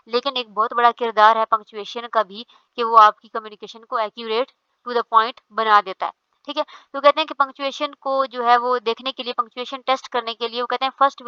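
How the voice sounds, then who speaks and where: A woman's voice: on the high side, bright, forceful tone, clear, resonant tone, no echo, lo-fi sound. A woman teaching a lecture, going over each point step by step and often checking in with "theek hai". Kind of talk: explaining a lecture.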